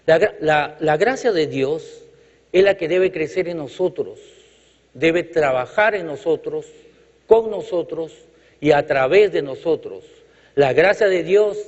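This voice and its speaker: A male preacher from Chile delivers a sermon to his congregation, who call out in response, using emphatic, rhythmic repetition and light jokes. His voice is fairly high and a little mellow. The church hall recording is reverberant and dull, lo-fi.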